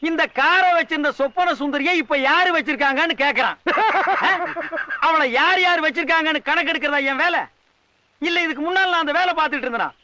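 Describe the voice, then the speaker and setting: Scolding troupe leader, high-pitched, dry close sound. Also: male voice, fast, dry recording, dull audio, exaggerated voice. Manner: loud, scolding, sarcastic. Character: bossy short-tempered male troupe leader, middle-aged. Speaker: leader of a folk dance troupe. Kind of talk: 1980s film comedy dialogue.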